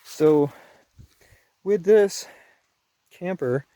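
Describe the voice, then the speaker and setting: A man's voice: high voice, extremely slow, mellow. A man vlogging casually outdoors at night near a camper, rambling and correcting himself as he goes.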